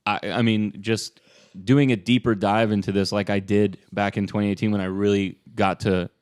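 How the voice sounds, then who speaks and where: Male podcast host, smooth lowish voice, casual profane rambler. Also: flat delivery, moderate pace, a little mellow. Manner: rambling, loose and profane with many fillers. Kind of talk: casual chat.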